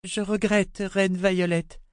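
A man reading an audiobook, voicing a frightened but brave young girl with a soft, careful manner. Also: high-pitched, flat delivery, slow, smooth, no room sound, studio quality, pitched above the performer's own voice. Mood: timid. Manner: timid, then coldly firm.

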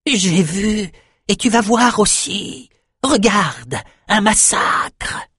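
A man voicing an excitable, jumpy male albino shaman who talks shrilly and repeats himself. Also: high voice, extremely slow, breathy edge, no echo, clean studio sound, voice pushed up, exaggerated voice. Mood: manic.

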